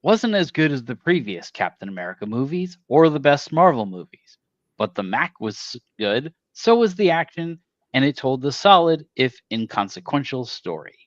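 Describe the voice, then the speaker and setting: A man's voice: mid-range voice, very animated, normal speed, no room sound, muffled recording. A man reading a short review in a mock radio-announcer voice as a podcast guest. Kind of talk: casual chat.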